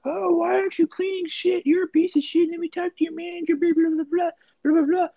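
A shrill, enraged woman customer shrieks her demands at the top of her range, voiced by a man. The sound is dry and a little dull, with no room around it. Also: level tone, fast, vocal fry, no echo. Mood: furious. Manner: screeching, demanding.

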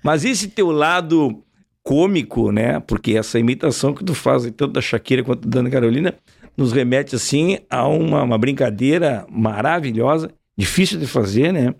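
A man with a gaúcho Rio Grande do Sul accent, hosting a casual podcast interview in a relaxed, chatty way with regional interjections. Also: medium pitch, moderate pace, gravelly. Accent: Rio Grande do Sul gaúcho Portuguese. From Uruguaiana, southern Brazil. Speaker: podcast host.

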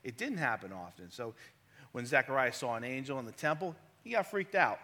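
Man, preacher, sermon, bright voice, conversational, rhetorical questions, long hall reverb. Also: medium pitch, very animated, brisk.

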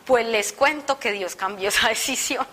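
A young woman tells her personal testimony of faith, animated and expressive as she acts out what she once said. Her voice sits a little high and sounds bright and clear. A faint hiss runs under the recording. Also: moderate pace. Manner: expressive storytelling, acting out her own past lines. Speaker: testimony speaker.

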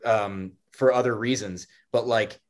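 A man's voice: fairly low pitch, steady tone, measured pace. Rambling, laughing young man on a podcast. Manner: rambling, laughing, lots of fillers and restarts. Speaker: podcast co-host. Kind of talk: casual podcast chat.

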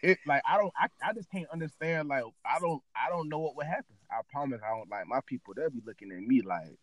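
Fast-talking animated young man. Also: on the high side, a little hiss or hum. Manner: animated, repeats and restarts words, slangy. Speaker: guest answering dating questions. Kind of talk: casual chat.

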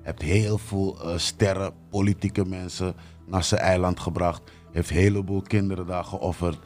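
A man's voice: low voice, steady tone, moderate pace, a little mellow, faint music behind. A man talking as a podcast guest in casual chat, insistent, often cutting in with repeated calls to listen. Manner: insistent, talks over the host.

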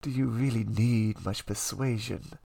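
A gravelly, theatrical salesman , as a poet puts him on, who coaxes and tempts his listeners with a showy pitch, his voice swinging up as he sells. He speaks with the polished flair of a spoken-word performance. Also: a little slow, warm tone. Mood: tempting. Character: smooth-talking male salesman pitching a seductive trip into the past.

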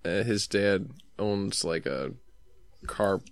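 Gravelly laid-back young man. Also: on the low side, takes it slowly, no echo. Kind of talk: casual chat.

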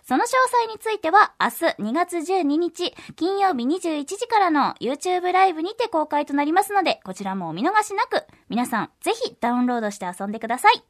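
A woman with a Kansai accent co-hosting a radio show, her voice high and very lively. She talks fast and reacts quickly to her partner. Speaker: radio host. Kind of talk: radio show chat and announcements.

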